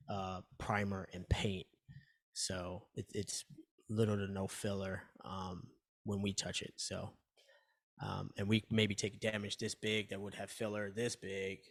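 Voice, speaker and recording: A man co-hosting a casual business podcast, speaking in a relaxed, plain way about repair work. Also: sits low, gravelly, no room sound. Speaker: podcast co-host, repair technician.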